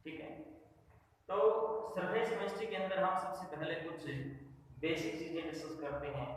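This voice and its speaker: A man teaching chemistry at a board who asks the class questions, answers them himself and reads definitions out slowly. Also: on the high side, slight background noise. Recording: echoey room, voice far from the mic.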